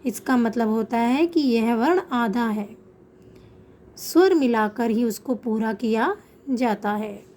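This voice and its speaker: Slow, patient woman teaching children. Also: a little high, animated, a little mellow. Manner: patient, explanatory, addresses children; slows down to pronounce example words. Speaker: Sanskrit teacher. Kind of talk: online class lesson.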